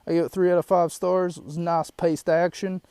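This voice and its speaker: A man's voice: high voice, flat delivery, brisk, dark tone, smooth, no room sound. A young man hosting a solo podcast from his parked car, rambling and shaken, catching his breath between fillers. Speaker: podcast host. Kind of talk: solo podcast, wrestling recap. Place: parked car in an empty lot.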